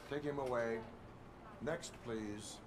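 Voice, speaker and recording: An actor playing a stern cyborg police officer who speaks in flat, clipped, procedural lines. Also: male voice, medium pitch, takes it slowly, lightly acted. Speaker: police officer at a complaints desk. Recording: video game audio with loud background noise.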